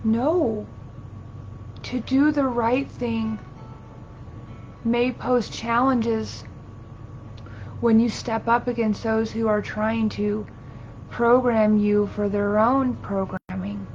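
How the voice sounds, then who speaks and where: A woman channeling as a seance medium, giving a solemn spiritual sermon in formal, archaic, halting phrases as a collective "we". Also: darkish tone. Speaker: trance channeler. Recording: dull lo-fi audio with low rumbling noise.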